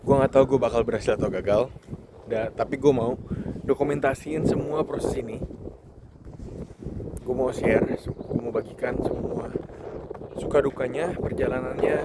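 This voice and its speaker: This is an Indonesian-accented man in his twenties, filming a vlog on foot outside and musing openly and casually, with many pauses and English expressions slipped in. His voice sits in the mid-range, against a backdrop of wind and ambient outdoor noise.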